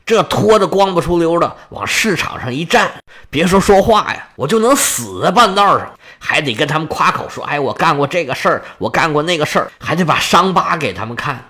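A man voicing a proud, stubborn Roman general who talks in a gruff, grudging way. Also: on the high side, expressive, brisk, bright, forceful tone. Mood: reluctant.

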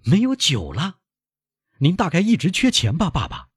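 A man doing a devoted young sailor son, raised high and pressing, husky, very dry close read. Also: wildly swooping pitch, normal speed, darkish tone, no room sound, heavily acted. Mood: dismayed. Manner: pleading, emphatic. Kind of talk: audiobook reading.

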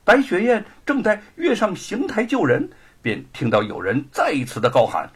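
A man narrating a traditional Chinese story with dramatic, lively delivery. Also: sits high, moderate pace, husky.

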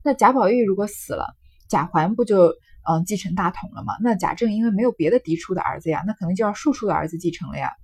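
Husky woman explaining a classic novel. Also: medium pitch, fast talker. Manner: conversational, with fillers and trailing particles.

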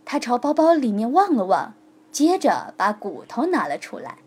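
A woman storyteller reading a children's story aloud, speaking gently and warmly to young listeners. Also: on the high side, normal speed, a little hiss or hum. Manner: lively, gentle, addressing children.

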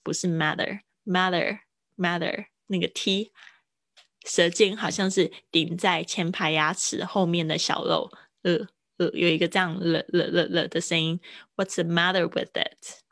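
Woman teacher, livestream English lesson, repeats drills, slightly low voice. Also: fairly even intonation, gravelly, a bit bright, dry recording, studio quality. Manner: explains slowly, repeats phrases to drill pronunciation.

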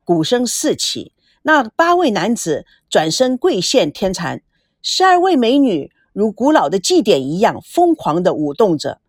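A woman narrating a story with a lively, expressive reading. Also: mid-range voice, measured pace, dry recording, studio quality. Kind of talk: scripted narration.

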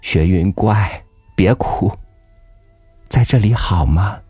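A man voicing a gentle, poor village mother who talks softly and coaxingly to her young daughter. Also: low-pitched, slow, slightly rough, no room sound, soft background music, voice pushed up, heavily acted. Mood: tender, coaxing. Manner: soft, coaxing.

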